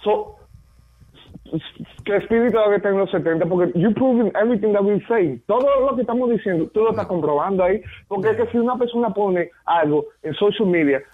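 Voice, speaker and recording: Tinny-sounding man, brash and high-voiced. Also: brisk. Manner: brash, animated storyteller with salty slang. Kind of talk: casual radio banter, switching between Spanish and English. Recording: tinny phone-like radio sound.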